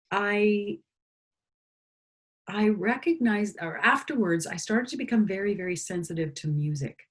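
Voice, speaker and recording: Husky and fairly low, this woman's voice carries real conviction as she speaks earnestly. She is a Canadian singer-songwriter who is a guest in a reflective interview.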